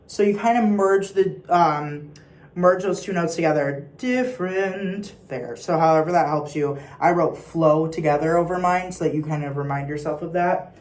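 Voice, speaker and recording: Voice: mid-range voice, steady tone, normal speed, a little mellow. A young adult choir teacher giving patient rehearsal instructions and singing short example phrases. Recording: echoey room.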